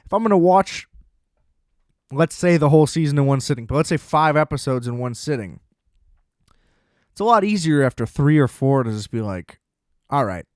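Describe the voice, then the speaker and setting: A man hosting a solo podcast, chatting casually about TV in an excitable, profane, rambling way. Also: fairly high pitch, normal speed, pauses often, no echo, studio quality. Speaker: podcast host.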